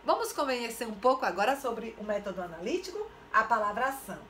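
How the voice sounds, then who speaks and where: Bright-voiced woman teaching literacy. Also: a little high, animated, slight background noise. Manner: didactic, asks rhetorical questions, stretches syllables slowly. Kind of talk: online lecture for teachers.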